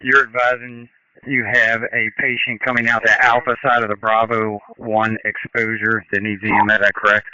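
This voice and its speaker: Male fireground commander on two-way radio. Very bright, forceful, crisp voice, clipped procedural delivery, band-limited sound. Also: on the low side, flat delivery, normal speed, no room sound, lo-fi sound. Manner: clipped, procedural, repeats back to confirm. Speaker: fire incident commander on radio.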